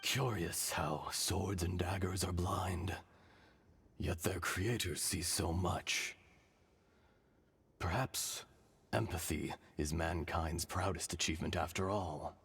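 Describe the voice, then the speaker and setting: Deep, slow, solemn ancient dragon. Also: male voice, fairly even intonation, gravelly, fairly bright tone, a little hiss or hum, exaggerated voice. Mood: solemn, resigned. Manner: grave, measured, brooding. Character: ancient dragon in a man's body, solemn and weary. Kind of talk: video game voice acting. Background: music behind the voice.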